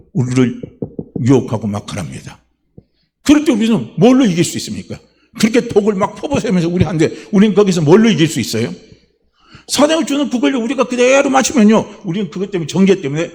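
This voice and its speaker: A middle-aged male pastor delivers a sermon with a fairly high voice that swoops up and down with lively emphasis. He keeps asking the congregation questions and answers them himself. He also slips into the voices of the people he quotes. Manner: animated preaching with rhetorical questions to the congregation; acts out quoted voices in a raised tone.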